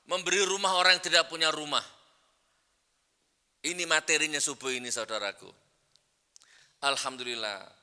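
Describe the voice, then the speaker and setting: A man's voice: on the high side, normal speed, long pauses, bright, forceful tone, clean tone. A man preacher giving a sermon to a live congregation, talking directly and coaxing the crowd to raise their hands. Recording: long hall reverb.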